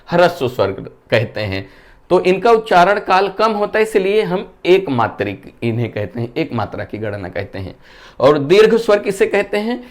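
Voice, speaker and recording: Guy teaching a class, asks a question then answers it himself, checks if everyone got it, voice on the high side and jumps around a lot. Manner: keeps checking whether students have understood. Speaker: Hindi grammar teacher. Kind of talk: classroom-style lesson.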